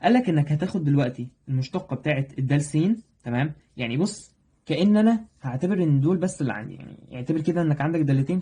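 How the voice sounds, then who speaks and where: A young Egyptian man tutoring a math exam review in a quick, conversational way, often checking that students follow. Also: fairly high pitch, mellow, slightly rough. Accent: Egyptian Arabic. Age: young adult. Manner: rapid, keeps checking in with "تمام؟".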